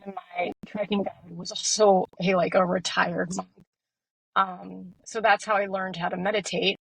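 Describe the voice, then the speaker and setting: A woman speaking as a guest in a casual interview, reflective and soft-spoken, with many fillers. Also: medium pitch, flat delivery, unhurried, vocal fry, low-quality recording. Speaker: guest, meditation teacher.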